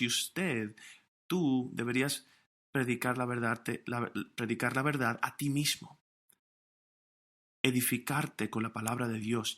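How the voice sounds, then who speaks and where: A man's voice: mid-range voice, a bit bright. A man preaching a sermon as pastor, earnest and emphatic, often restarting his phrases, recorded for an online broadcast. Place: recorded for online streaming during lockdown.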